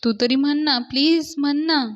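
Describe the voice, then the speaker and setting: An excited young woman coaxes and pleads, her voice bright and high. A woman acts her out with bubbly energy. The audio is dull and lo-fi. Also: moderate pace, lightly acted. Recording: dull lo-fi recording.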